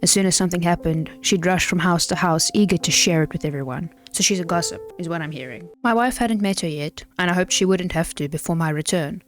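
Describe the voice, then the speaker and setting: A woman with a fairly low voice reads a story game's narration aloud. She keeps cutting in with sarcastic, rambling asides about the characters. Her tone is loose and comedic. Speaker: gaming video creator. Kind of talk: reading game text aloud with joking commentary.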